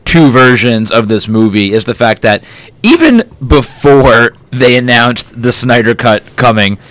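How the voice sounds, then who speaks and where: A man's voice: medium pitch, lively intonation, measured pace, a bit bright, dry recording. Wry, teasing male podcast host. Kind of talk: casual chat. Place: studio.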